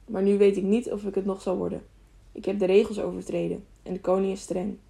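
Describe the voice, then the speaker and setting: A quiet, earnest teenage squire, as a woman reader gives him voice, speaking softly and modestly in a storybook. The voice is dark and mellow with a gravelly edge. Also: medium pitch, little pitch movement, brisk, lightly acted.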